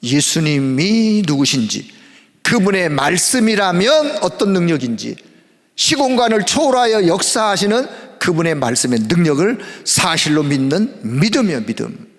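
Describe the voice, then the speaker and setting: A male pastor preaching a sermon in a fairly high, emphatic voice, swinging between ringing declarations and quiet, low asides. The words echo through a large sanctuary with a long reverb tail. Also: sing-song, moderate pace.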